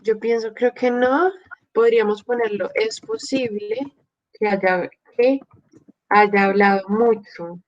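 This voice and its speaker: A woman teaches a grammar class at an unhurried pace. She explains patiently, one step at a time, building her points from examples. The audio is dull and lo-fi. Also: a little high. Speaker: Spanish teacher. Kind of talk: online grammar lesson.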